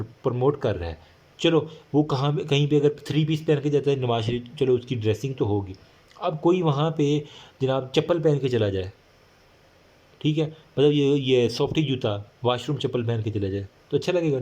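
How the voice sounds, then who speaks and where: A man gives a casual recorded lecture with a mellow, mid-range voice. He reads English points slowly, then explains them in chatty Hindi packed with fillers.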